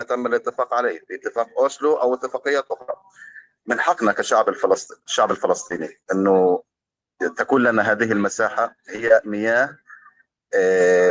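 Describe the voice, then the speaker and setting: A man with a Palestinian Arabic accent giving earnest, formal-leaning testimony, pausing often as he speaks. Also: lowish voice, fairly bright tone, no room sound, low-quality recording. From Gaza, Palestine. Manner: hesitant, pausing often with fillers. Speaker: journalist being interviewed.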